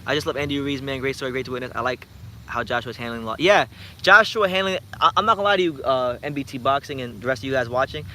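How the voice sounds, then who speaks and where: Fast-talking young man, bright voice. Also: mid-range voice. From United States. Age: 20s. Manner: animated, rambling, frequent repeated starts. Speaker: YouTube boxing channel host. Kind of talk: late-night livestream chat reading viewer comments.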